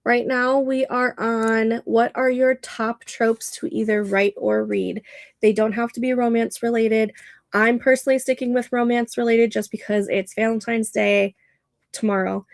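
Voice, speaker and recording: Her voice on the high side and gravelly, a livestream host in her thirties talks at a moderate pace in a steady tone, with no room sound. She sounds nasal and congested, chatting casually, reading chat messages aloud and laughing often.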